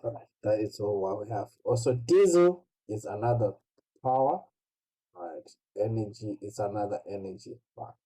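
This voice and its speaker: A man teaching an online English lesson, slow and patient, asking "right?" after nearly every phrase. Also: lowish voice, lively intonation, dark tone, slightly rough, poor audio. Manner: slow, repeats "right?" constantly.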